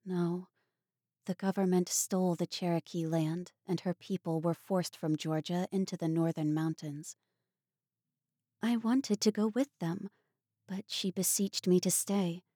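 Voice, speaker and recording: A woman's voice: fairly low pitch, steady tone, a little slow, dark tone, no echo, clean studio sound, voice pushed up. A woman playing an earnest, wistful young woman.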